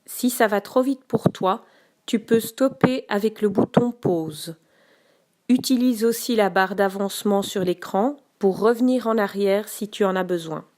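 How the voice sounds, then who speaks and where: A woman teacher giving a deliberate, carefully articulated dictation lesson for schoolchildren. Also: mid-range voice, darkish tone. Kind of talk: slow instructional dictation for schoolchildren.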